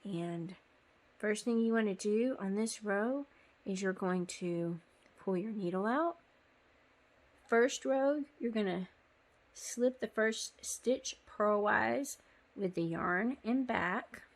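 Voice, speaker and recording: A woman talks through a sock-knitting lesson in a relaxed, conversational way. She is chatty and a little apologetic, and fills her pauses with ums. She sounds like she is recording herself on a phone. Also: medium pitch. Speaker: knitting tutorial host. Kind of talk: casual step-by-step knitting tutorial.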